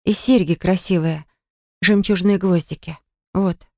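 A woman voicing a sharp-tongued, sarcastic young woman who answers back with defiance in an audiobook. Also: lowish voice, fairly even intonation, measured pace, no room sound, clean studio sound. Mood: recalling. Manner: mocking, defiant.

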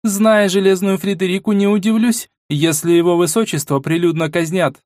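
A man's voice: high-pitched, flat delivery, normal speed, a little mellow, no echo, clean studio sound, voice pushed up, lightly acted. A man voicing a hot-tempered, uncompromising noblewoman who rants with scorn. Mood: indignant. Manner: ranting, scornful.

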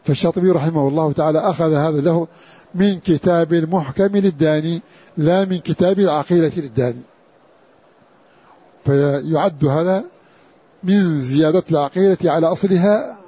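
A man's voice: fairly high pitch, a little fast, pauses often, dark tone, husky. A man teaching a class on Quran orthography in a lecture style. He repeats phrases for emphasis and chants short recitation examples. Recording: dull lo-fi lecture recording.

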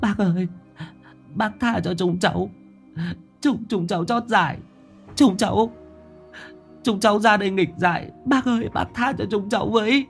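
A man's voice: high-pitched, normal speed, creaky, long pauses, soft background music, voice pushed up. A man voicing a frightened village boy who stammers and pleads. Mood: begging.

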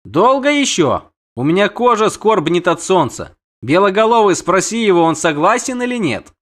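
A man's voice: high voice, very animated, moderate pace, a bit bright, voice pushed up. A man voicing a haughty, hot-tempered female siren in an audiobook, with a singsong, indignant delivery. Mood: impatient. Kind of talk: audiobook character voice.

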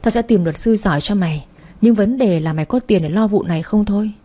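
A woman's voice: medium pitch, fast, dark tone, close to an everyday voice. A woman reading a blunt, practical friend. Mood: frank, reasoning. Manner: frank, reasoning.

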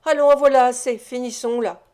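Brisk, firm young woman breaking up a quarrel, as a woman reads her in a storybook. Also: sits high, steady tone, darkish tone, lightly acted.

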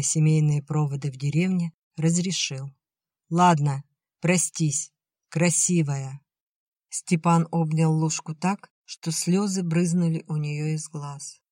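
A man's voice: fairly high pitch, fairly even intonation, unhurried, dark tone, no echo. Man narrating a story, dry close sound. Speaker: audiobook reader. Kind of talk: scripted narration.

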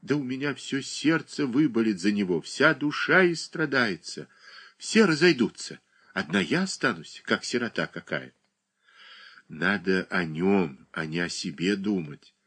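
A man's voice: fairly low pitch, animated, measured pace, fairly bright tone. A man reading an audiobook, voicing an anxious, tearful aging mother who laments and pleads. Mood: lamenting. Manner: plaintive, lamenting.

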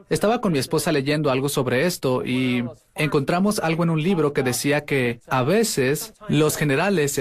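A middle-aged man giving a humorous sermon-style talk, animated and acting out characters in quick asides. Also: on the high side.

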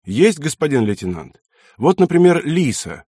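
A man's voice: fairly high pitch, big pitch swings, normal speed, warm tone, slightly rough, dry recording, studio quality, pitched above the performer's own voice, full character voice. A man voicing a respectful, obliging middle-aged male estate manager.

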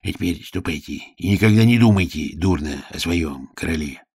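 A man voicing a vain, capricious, suspicious little male king in an audiobook drama, with a husky low voice. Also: normal speed, darkish tone, dry recording, clean studio sound.

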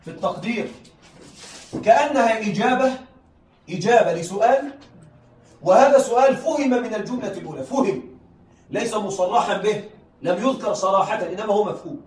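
This male teacher speaks fairly fast in a high voice with a darkish tone, leaving long pauses as he explains grammar for an Arabic rhetoric class. He frequently repeats himself and checks on his students, and his voice comes from far off in an echoey room with faint background noise.

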